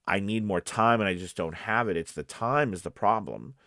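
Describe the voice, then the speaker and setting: A lowish, pushed and bright male voice moves at a moderate pace in a dry studio-quality recording. The speaker, a voice-over coach who also works in casting, chats to camera with casual instructional advice, circling back to stress his points.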